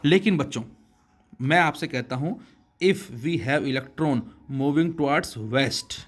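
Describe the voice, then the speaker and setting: Slow, patient male physics teacher. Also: fairly high pitch. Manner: explains slowly, addresses students as children. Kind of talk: classroom lesson.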